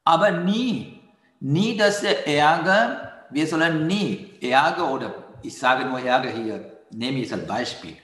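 Slow-speaking man teaching in an echoey hall. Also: on the high side, lively intonation, fairly bright tone. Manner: patient, repeats key phrases to explain. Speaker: meditation teacher. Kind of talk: dharma talk on mindfulness. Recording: roomy hall with long reverb.

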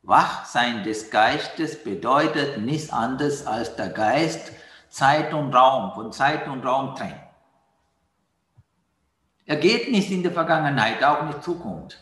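A man giving a calm dharma talk on mindfulness as a meditation teacher, patiently repeating his key phrases. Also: mid-range voice, slow. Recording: roomy hall with long reverb.

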